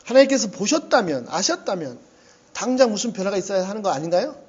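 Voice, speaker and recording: A male pastor preaches in a lively, conversational way, often dropping in a quick "yes." His voice sits high for a man. The lo-fi recording has a muffled, dull tone. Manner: animated and conversational, often saying "yes" and laughing. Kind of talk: sermon.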